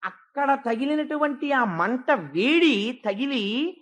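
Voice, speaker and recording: A woman giving a devotional discourse, retelling a scripture story and acting out the characters' words with shifts in pace and loudness. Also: high-pitched, lively intonation, slow. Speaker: spiritual speaker.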